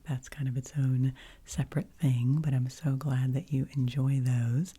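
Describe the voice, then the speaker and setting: A woman softly whispering an unhurried ASMR ramble with finger tapping, very close to the microphone. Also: extremely low pitch, breathy edge. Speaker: ASMR channel creator and host. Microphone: very close microphone with cover off.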